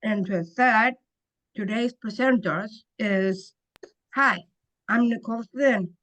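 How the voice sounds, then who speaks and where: A woman from Ontario hosting a webinar on a video call, reading her introduction slowly and carefully, with small restarts. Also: on the high side, fairly bright tone, low-quality recording. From Ontario, Canada. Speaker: webinar host, council member.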